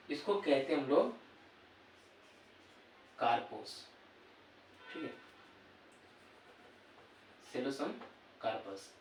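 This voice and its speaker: A man's voice: medium pitch, fairly bright tone, slight background noise. Repetitive quizzing male teacher, echoey. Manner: repetitive call-and-response quizzing. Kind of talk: classroom lesson. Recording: echoey room, voice from far off.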